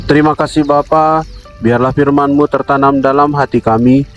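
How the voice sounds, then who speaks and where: A man's voice: medium pitch, steady tone, muffled recording, soft background music. Solemn man leading a devotional. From Indonesia. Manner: solemn, measured, addresses listeners as brother. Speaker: devotional speaker.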